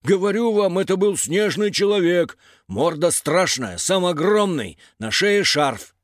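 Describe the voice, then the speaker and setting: A man voicing an excitable young male pterodactyl robot who talks in breathless, exaggerated bursts. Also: high-pitched, unhurried, slightly rough, dry recording, clean studio sound, voice pushed up, heavily acted. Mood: indignant.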